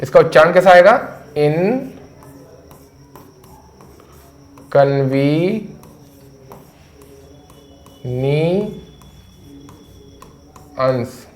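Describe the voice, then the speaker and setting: A talkative man teaches English words in a friendly, conversational way. His voice sits a little higher than most men's, and he slows down to repeat each word again and again for pronunciation. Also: expressive. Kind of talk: explaining English vocabulary in Hindi.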